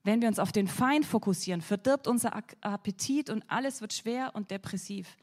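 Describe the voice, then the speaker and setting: A woman preaching a sermon dramatically, swinging between loud emphasis and whispers. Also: mid-range voice, moderate pace.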